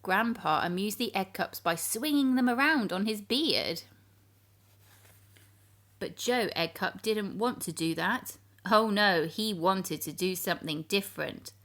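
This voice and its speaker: With a mid-range voice and an unhurried pace, a woman brings a storybook to life for young children, animated and expressive as she addresses them directly.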